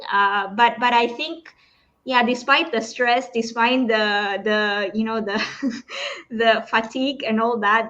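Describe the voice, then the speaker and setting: Hesitant higher-voiced woman, dull sound. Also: fairly bright tone. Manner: hesitant, searching for words. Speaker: podcast guest. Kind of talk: conversational interview.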